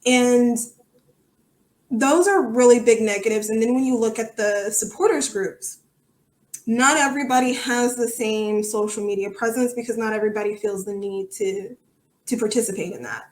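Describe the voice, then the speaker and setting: A woman in her thirties, a podcast guest and soccer supporter, gives candid, emphatic, opinionated answers in a conversational interview. Her voice is a little high and her pace normal, recorded in an echoey room.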